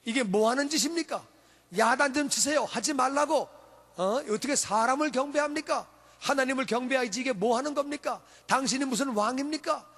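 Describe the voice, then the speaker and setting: A man's voice: extremely high pitch, fairly quick, a bit bright, full character voice. A male pastor voicing an indignant Pharisee, firing off protesting, scolding questions. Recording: long church hall reverb.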